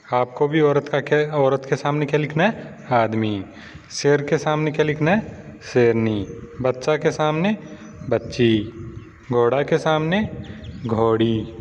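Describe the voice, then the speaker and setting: A man's voice: medium pitch, a little mellow. A man teaching a children's lesson in in, patiently repeating questions and calling his pupils "beta". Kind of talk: classroom lesson explaining answers. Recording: dull lo-fi audio with long reverb and faint hiss.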